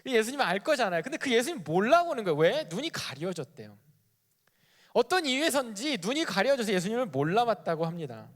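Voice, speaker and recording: A man with a high voice preaches a youth sermon, talking to the congregation like a conversation. He puts questions to the listeners and acts out the quoted voices. The sound carries a long reverb from the church room. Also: a little fast. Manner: acts out quoted characters in lively bursts. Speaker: youth pastor. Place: church sanctuary. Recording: live church stream with long hall reverb.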